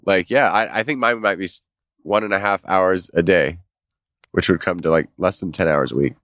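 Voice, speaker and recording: At a moderate pace, a man with a low, slightly bright voice co-hosts a podcast while stuffy and nasal from a cold. The casual chat wanders in a relaxed way, with plenty of laughter and easygoing swearing. There's no room sound.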